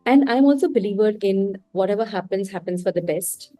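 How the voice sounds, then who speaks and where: Slightly fast and dark-toned, her mid-range voice carries an Indian English accent as she guests on a podcast. The Indian woman is reflective and candid, working through her thoughts in casual interview conversation. Soft music plays under a dry recording.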